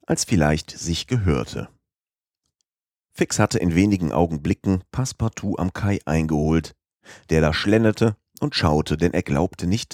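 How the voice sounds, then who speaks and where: A man with a very deep voice reads an old classic novel aloud. His delivery is measured and literary, and the recording is close and dry with no room sound. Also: darkish tone, dry recording. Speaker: audiobook reader. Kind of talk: scripted narration.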